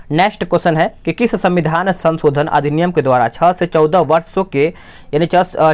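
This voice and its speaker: Male exam-prep tutor, somewhat high voice, brisk and repetitive explainer. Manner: quick, repetitive explaining, asks and answers himself. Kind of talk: quiz answer walkthrough.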